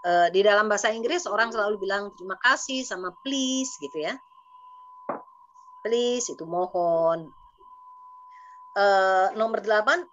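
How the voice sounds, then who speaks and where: A woman's voice: medium pitch, a bit bright, muffled recording, a little hiss or hum. A woman with an Indonesian accent teaching an English lesson over a video call, patiently repeating words for the class to copy.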